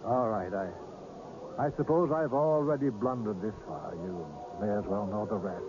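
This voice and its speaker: In a radio drama, a man plays a polite, mysterious old scout of seers, genteel, precise and faintly hesitant, sounding apologetic and assuring. His voice is lowish and lightly acted at a moderate pace, heard through a dull, noisy old radio broadcast.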